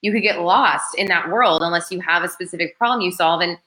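Bright, chatty woman marketing coach. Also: fairly low pitch, a little fast. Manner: chatty and animated, full of "like" fillers. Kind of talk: casual podcast chat.

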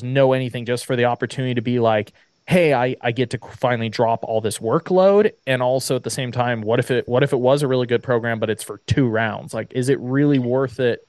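A man hosts a casual interview in an average-pitched voice. He rambles through anecdotes and restates his point several ways. The sound is dry, without room echo. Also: a little mellow. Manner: long-winded, anecdotal, circling back to rephrase.

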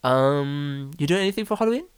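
A man's voice: fairly high pitch, animated, fairly quick, clean tone, no echo. A young man, chatting casually and slangily as a podcast host, often repeating phrases for emphasis. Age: young adult. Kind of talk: casual chat.

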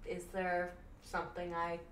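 A woman's voice: fairly low pitch, completely flat delivery, unhurried, a bit bright. A woman playing a frank, flirtatious, curious female bard in a tabletop game, recorded in an echoey room. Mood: curious, admiring. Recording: echoey room, distant mic, faint noise.

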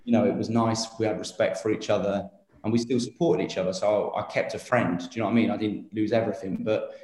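A man's voice: fairly low pitch, steady tone, fast, darkish tone, echoey room. A man in his late twenties, an interview guest talking casually and earnestly with many fillers and restarts. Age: 20s.

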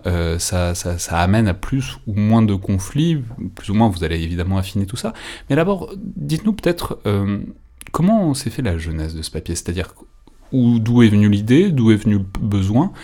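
A man hosts a research podcast in a very deep voice. He questions his guests with a loose, halting delivery full of fillers and restarts. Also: darkish tone. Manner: hesitant, with many fillers and restarts. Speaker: podcast host. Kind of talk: conversational interview.

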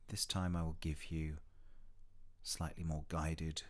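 A man leading a guided mindfulness meditation in a soft, hushed, soothing delivery, with gentle short phrases and long pauses between them. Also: rumbling low, little pitch movement. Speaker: meditation guide and podcast host.

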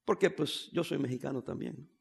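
With a medium-pitched, gravelly voice that has a breathy edge, a man from El Salvador preaches as a church pastor at normal speed. His sermon is conversational, joking with the congregation along the way.

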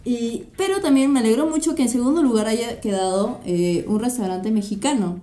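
A young woman from Peru co-hosting a casual podcast chat, relaxed and chatty. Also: fairly high pitch, brisk. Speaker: podcast co-host.

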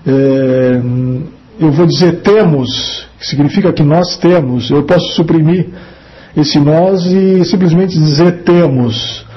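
Man, slightly high voice, native Portuguese speaker, repeats French words then translates, muffled old tape. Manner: repeats each word slowly, then translates. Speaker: French teacher. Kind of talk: slow language lesson drills. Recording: dull lo-fi recording.

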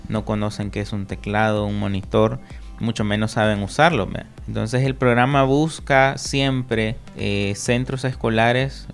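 A man's voice: on the low side, fairly even intonation, a little slow, gravelly, faint music behind. A man, a foundation representative answering radio interview questions with many hesitant fillers. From El Salvador.

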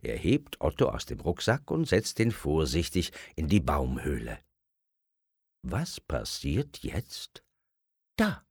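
A man reading a children's story aloud in an expressive storyteller style. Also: a bass voice, slow pace, husky, no echo, clean studio sound. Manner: expressive, acts out voices.

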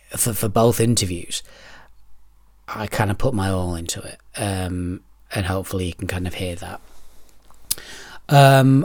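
A man in his thirties with a fairly low voice hosts a casual solo podcast. He speaks in a hesitant, rambling way, putting himself down and swearing freely as he chats to listeners. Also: no room sound, studio quality. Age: 30s. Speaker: podcast host. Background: clicking of discs being handled.

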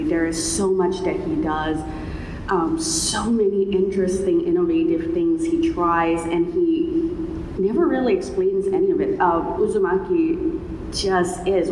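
A woman speaking on a panel as a writer, chatting casually and with energy about what shaped her work. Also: lowish voice. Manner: casual and animated. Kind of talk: panel discussion answer. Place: hotel meeting room with audience. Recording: echoey hall, background noise.

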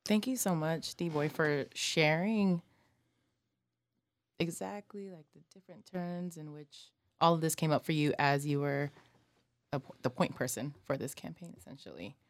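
Low-voiced affirming woman host. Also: measured pace, dry recording. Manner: warm, affirming, frequent soft back-channel sounds. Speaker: podcast host. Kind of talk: supportive interview talk.

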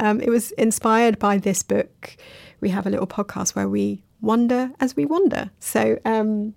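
A woman's voice: mid-range voice, creaky, darkish tone, dry recording. A woman hosting her own podcast, a creative coach talking in a reflective, earnest way and speaking affectionately to her listeners, sounding emotional after crying. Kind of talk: casual solo podcast monologue.

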